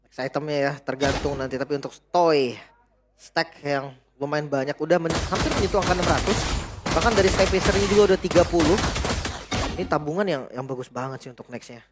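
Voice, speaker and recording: A man casts an esports match. His voice is high and he speaks quickly. Game noise with clicks and gunfire is clearly heard behind him. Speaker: esports caster.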